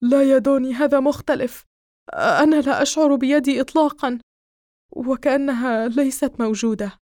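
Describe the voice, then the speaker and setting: A frightened young man, played by a woman reader, pleading and shaky in a high, thin voice. He sounds close and dry, with no room around him, as in an audiobook character reading. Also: a little fast, a little mellow, dry recording, natural voice. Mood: terrified. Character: frightened young man, injured, slowly vanishing.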